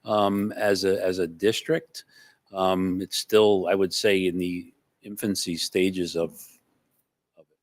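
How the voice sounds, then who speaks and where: Deep-voiced, halting man at a meeting. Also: level tone, no echo. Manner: halting, repeats words. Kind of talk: meeting discussion.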